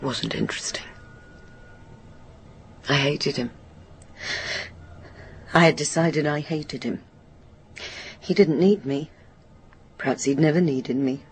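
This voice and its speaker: With a low, slightly mellow voice over a little hiss or hum, a woman plays a guilt-ridden, stubborn adult daughter in a radio drama. Her halting confession is anguished, bitter and resentful, frequently dropping to a murmur.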